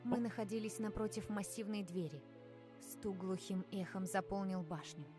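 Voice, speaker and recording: A woman's voice: mid-range voice, steady tone, normal speed, over music, natural voice. A woman playing a young female adventurer, narrating her fantasy tale in a suspenseful, scripted style for a game. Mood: tense, suspenseful.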